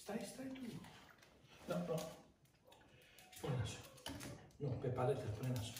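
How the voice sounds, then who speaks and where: Animated male dog trainer, distant roomy. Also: medium pitch. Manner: short repeated commands, animated praise. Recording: roomy, distant mic, loud noise.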